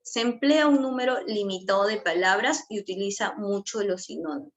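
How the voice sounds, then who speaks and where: A woman giving a class on early childhood language, talking in a lively way and acting out how adults speak to small children. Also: medium pitch, normal speed. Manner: lively, acts out child-directed speech. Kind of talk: online class lecture.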